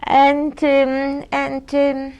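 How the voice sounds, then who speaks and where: Recorded on an old 1980s audio cassette with dull audio, a Polish-born interviewee in her sixties gives oral history testimony in a high, gravelly, monotone voice that is a little mellow. She falters as she searches for words, with many ums and restarts.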